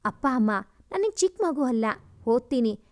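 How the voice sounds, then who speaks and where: A woman's voice: sits high, expressive, moderate pace, a little mellow. A woman voicing an eager, affectionate young male student in a story reading.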